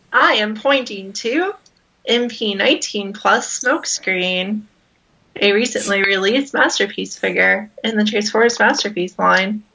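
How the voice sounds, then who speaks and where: A woman co-hosting a casual podcast, speaking in a deliberately flat, robotic monotone. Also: a little high, vocal fry, low-quality recording. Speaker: podcast co-host. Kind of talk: casual toy-review podcast chat.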